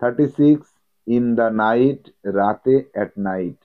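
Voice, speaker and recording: A man teaching English vocabulary, slowly repeating each word and its meaning and correcting pronunciation. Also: medium pitch. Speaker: English tutor. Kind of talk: vocabulary lesson explaining English words in Bengali. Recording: tinny phone-like audio.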